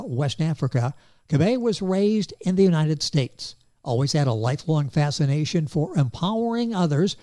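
A man hosting an interview program, introducing his guest in a polished manner and spelling details out slowly. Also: on the high side, mellow. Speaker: radio show host.

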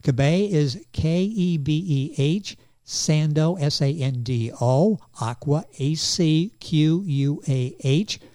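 A man hosts an interview show, his voice mellow and dark-toned yet sitting a little high. He delivers introductions smoothly and reads out names and addresses at a measured pace. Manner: polished, warm introductions, reads details slowly. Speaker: radio show host. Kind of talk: hosting an interview.

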